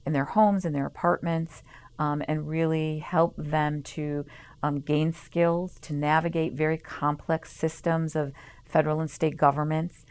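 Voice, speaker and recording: A woman representing the staff of a community health organization earnestly explains its services in a promotional interview, with music playing underneath. Her voice is low, clear, resonant, and a little mellow, with flat delivery at a measured pace.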